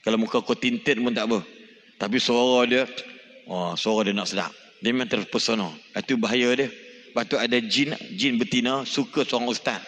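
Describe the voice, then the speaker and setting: Animated Malaysian preacher in an echoing hall. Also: male voice, mid-range voice. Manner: lively storytelling, animated exclamations, asks the audience questions. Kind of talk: mosque lecture sermon. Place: mosque hall. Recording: long reverb of a large hall.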